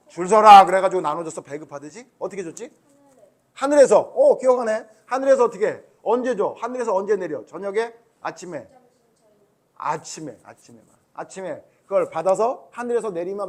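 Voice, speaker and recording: A high-voiced male pastor delivers a Sunday school sermon to children, telling the story animatedly and quizzing the kids repeatedly along the way.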